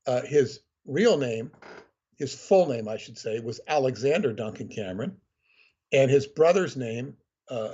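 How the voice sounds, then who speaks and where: A man with a husky, breathy voice explains things in a measured, lecturing way. He speaks as a podcast guest over a remote call. The audio is muffled and lo-fi. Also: mid-range voice, a little mellow. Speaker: guest author.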